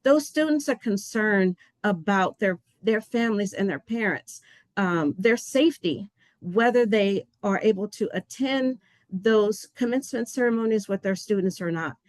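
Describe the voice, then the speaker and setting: Woman, agency official, passionate webinar welcome, mid-pitched voice, dry close sound. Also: moderate pace, no echo. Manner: passionate, heartfelt; earnest, loses her place and restarts.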